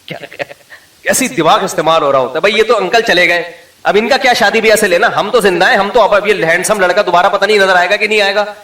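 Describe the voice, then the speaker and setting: A man gives a humorous religious lecture. His voice is fairly high and sharp, and he tells stories with lively mimicry. The sound is roomy and he stands a bit back from the mic. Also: fairly quick, far from the mic. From Pakistan. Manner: animated storytelling, mimics the people he quotes. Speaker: Islamic scholar.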